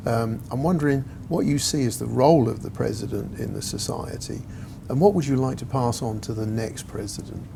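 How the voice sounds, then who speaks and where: A man's voice: medium pitch, fairly quick, few pauses. A man putting questions as an interviewer in a casual, conversational way. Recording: distant voice, clearly noisy ambience.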